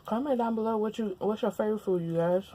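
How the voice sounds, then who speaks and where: A woman's voice: medium pitch, quick pace, dark tone, a little hiss or hum. A young woman from Louisiana chatting casually at home while eating, sometimes talking with her mouth full. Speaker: mukbang vlogger. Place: at home, indoors. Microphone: lapel mic.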